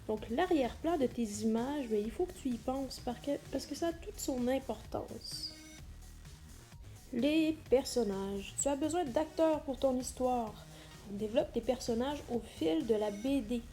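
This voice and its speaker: In a warm, high voice at a measured pace, a woman teaches an explanatory lesson for an instructional video, speaking straight to students. She puts emphasis on key words, and faint music plays behind her.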